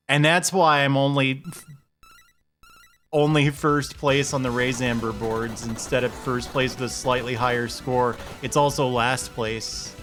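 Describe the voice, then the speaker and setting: A man's voice: mid-range voice, a bit bright. A man streaming a retro video game live, chatting and joking with his viewers as he plays. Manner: jokey, chatty, laughs often, talks to chat. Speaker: streamer playing retro games. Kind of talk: casual live game commentary.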